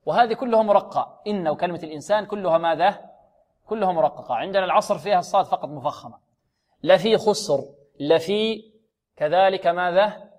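High-voiced man teaching Quran recitation. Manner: asks and answers his own questions, slow drawn-out demonstrations. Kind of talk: tajweed lesson.

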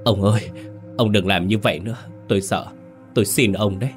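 A man's voice: fairly low pitch, a little fast, over music, lightly acted. A man voicing a frightened older wife who begs her husband tearfully. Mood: begging. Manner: tearful, begging.

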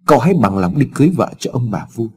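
A man's voice: mid-range voice, big pitch swings, very fast, darkish tone, slightly rough. A man voicing a young, pregnant servant woman in a told story, pleading in a trembling, tearful way.

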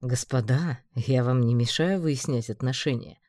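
A woman's voice: rumbling low, moderate pace, darkish tone, dry recording, clean studio sound. A woman voicing a composed, mocking man who is master of the house.

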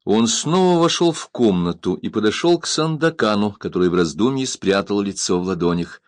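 A man giving scripted audiobook narration in a measured storytelling manner. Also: on the low side, lively intonation, no room sound.

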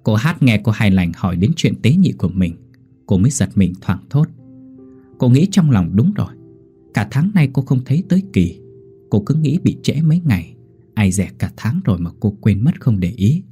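A man narrating a scripted story in an animated, expressive way. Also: fairly low pitch, moderate pace, breathy edge, soft background music.

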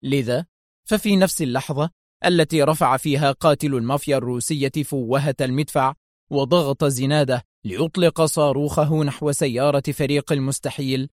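A man narrating a thriller novel aloud in a steady, dramatic storytelling manner. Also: a little high, no echo, studio quality.

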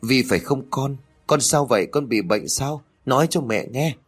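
A man's voice: medium pitch, animated, fairly quick, faint music behind, lightly acted. A man voicing a worried older village mother in an audio story, with an anxious, pleading manner.

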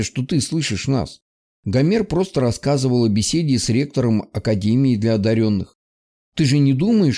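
A man reading an audiobook, voicing a level-headed young woman who reasons gently. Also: medium pitch, natural voice.

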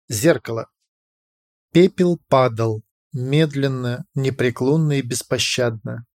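Guy narrating an audiobook, dramatic storytelling, pitch moves around a lot, dry close sound. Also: a little mellow, no room sound. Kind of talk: scripted fiction narration.

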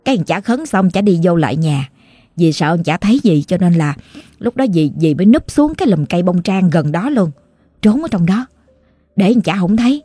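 A woman with a Southern Vietnamese accent tells a ghost story as if chatting with a friend, full of exclamations. Her voice is dark and mellow, and the recording is dry and close. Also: fairly low pitch, sing-song, normal speed, slightly rough, dry recording.

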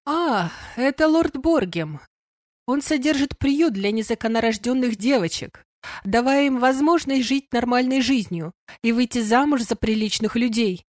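A woman's voice: a little high, measured pace, darkish tone, dry recording, clean studio sound, lightly acted. A woman reading the part of a confident, affectionate young male werewolf in an audiobook, speaking eagerly and with emphasis. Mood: earnest. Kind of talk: audiobook character voice.

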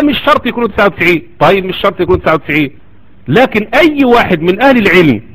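Man, Egyptian Arabic accent, religious lecturer, rapid talker, high voice, argumentative, rhetorical questions. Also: a bit bright, poor audio. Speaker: Islamic lecturer.

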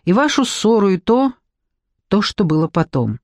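A woman's voice: medium pitch, big pitch swings, normal speed, a little mellow, dry recording, clean studio sound. Woman voicing a defiant young woman. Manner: scornful, defiant. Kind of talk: audiobook reading.

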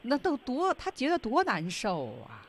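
A woman's voice: sits high, huge pitch swings, normal speed. A woman hosting a radio English lesson, chatting with the teacher and prompting him along. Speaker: radio host. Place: radio studio.

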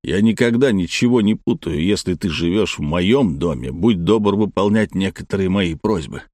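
A man's voice: sits low, lively intonation, moderate pace, darkish tone, no echo, clean studio sound. A man voicing a short-tempered angry father. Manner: growling, angry. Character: middle-aged father, short-tempered and stubborn.

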